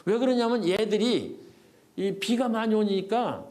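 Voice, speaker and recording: Speaking a little slowly, the older South Korean poet has a high, slightly mellow voice. In a folksy public talk for older adults, he questions his listeners and then answers for them, leaning on repeated words for emphasis.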